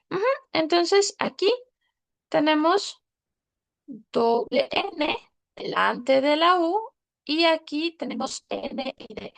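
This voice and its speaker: A woman's voice: high voice, vocal fry. A woman teaching a language class online, patiently repeating words and checking that students follow.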